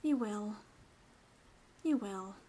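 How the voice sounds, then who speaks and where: A young adult woman streamer in quiet, casual ASMR chat, playful and rambling, sometimes dropping into soft whispers. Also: medium pitch, drawn-out words.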